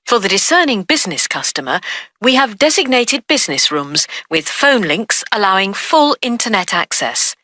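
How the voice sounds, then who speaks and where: A hotel information line announcer delivers a recorded phone message. Her voice is bright and very animated in pitch, with formal, promotional phrasing and a dry studio sound. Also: normal speed, no room sound. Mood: polished, promotional. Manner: formal, promotional, clearly enunciated reading.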